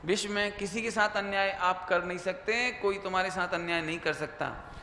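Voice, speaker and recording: Man giving a sermon, high bright voice, lively and chatty, long hall echo. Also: moderate pace. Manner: lively, mixes in English phrases, acts out quoted lines. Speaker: Jain preacher. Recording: echoey hall with faint noise.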